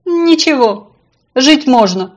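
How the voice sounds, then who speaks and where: A woman voicing a sly, self-important female fish in a storybook, calm and unflappable. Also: high voice, slow, pitched above the performer's own voice, exaggerated voice.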